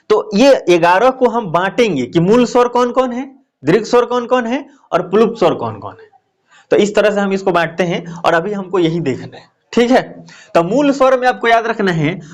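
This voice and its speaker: A man with a fairly high voice teaches a grammar class step by step. He keeps asking a question and answering it himself, and he checks in with his listeners often. When he shows a vowel he draws the sound out long. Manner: explains step by step, repeats key answers as questions; stretches out vowel sounds to demonstrate them.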